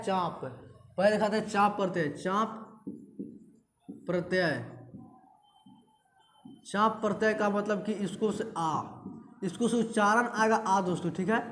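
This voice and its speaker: A man teaching a lecture class, often repeating terms and asking and answering his own questions. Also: sits high. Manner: repetitive drilling, asks and answers own questions. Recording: echoey room, faint background hiss.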